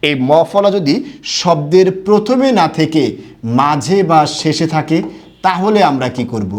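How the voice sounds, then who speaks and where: A man from Bangladesh teaching an online grammar lesson, who keeps asking quick questions and then answers them himself. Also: high-pitched, darkish tone.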